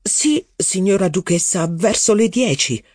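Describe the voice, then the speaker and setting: A man's voice: high voice, expressive, unhurried, darkish tone, breathy edge, no echo, studio quality, voice pushed up, heavily acted. A man reading the lines of an anxious, servile footman in an audiobook. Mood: deferential. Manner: deferential, reporting news eagerly.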